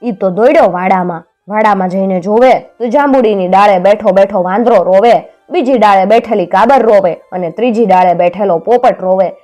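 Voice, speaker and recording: A woman narrating a children's folk tale in a soft, unhurried way. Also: medium pitch, soft background music. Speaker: storyteller.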